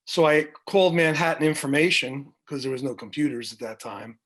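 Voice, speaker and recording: Middle-aged man, guest storyteller, lots of ums and restarts, a little high-pitched. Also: brisk, a bit bright, breathy edge. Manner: rambling anecdotes with many fillers and restarts. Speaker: guest, music director. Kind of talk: storytelling in a video podcast interview. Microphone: video call.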